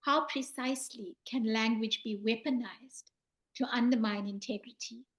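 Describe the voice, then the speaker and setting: A woman from South Africa hosting a panel talk show, thanking her guest warmly and posing long, formal questions. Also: fairly high pitch, steady tone, moderate pace. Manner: warm and appreciative, asking long formal questions.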